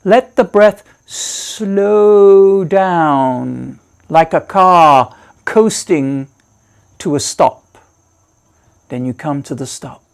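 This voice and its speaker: A male meditation teacher leads a guided session, offering measured, reassuring instructions with deliberate pauses. His voice is mid-range with some vocal fry.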